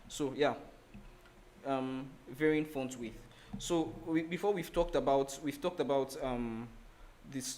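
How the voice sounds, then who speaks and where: A man teaching a design lesson over a screen share. He explains in a loose, rambling way, restarting sentences and leaning on "like" as he thinks. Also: medium pitch. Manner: rambling, with many restarts and "like" fillers. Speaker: design instructor.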